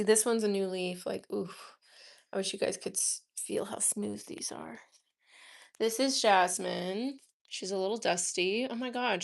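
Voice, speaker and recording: A woman with a medium-pitched, fairly bright voice and some vocal fry chats casually on a live stream from inside her own home. She offers paid personal readings, and here she rambles fondly while talking to her houseplants.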